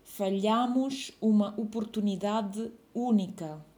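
Woman reading a dictation, soft dark tone, deliberate delivery, punctuation spoken aloud. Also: medium pitch. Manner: measured, deliberate phrasing, says each phrase twice. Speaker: dictation teacher. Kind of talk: slow dictation, phrases read twice with punctuation called out.

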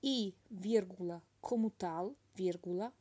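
Lady teacher reading a dictation super slow, repeats every bit, says the commas out loud, soft warm tone. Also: mid-range voice, slightly rough. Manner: repeats each phrase and speaks punctuation aloud.

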